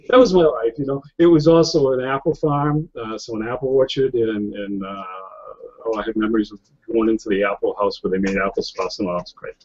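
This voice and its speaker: A man's voice: medium pitch, darkish tone, slight background noise. A man in his fifties from New England, a photographer chatting casually in an interview over a video call, rambling with lots of fillers and restarts. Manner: rambling, many fillers and restarts, chuckles often. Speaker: guest photographer. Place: indoor room, seated in office chair. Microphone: webcam on a video call. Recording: slightly lo-fi video call audio.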